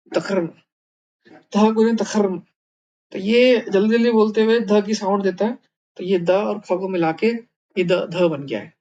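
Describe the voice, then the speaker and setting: A man's voice: a little high, darkish tone, highs cut off. A man teaching a language lesson in a casual way, thinking aloud with many fillers and repeated words.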